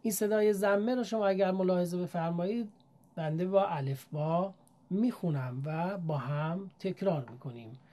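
A woman's voice: fairly low pitch, mellow. A woman giving a formal, polite lesson, patiently sounding out syllables one by one as a Quran teacher.

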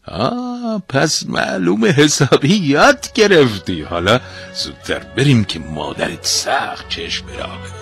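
Humble old father, plain talker, lively lilt, put on by a male narrator. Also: low voice, over music. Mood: earnest. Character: simple, kindly old father.

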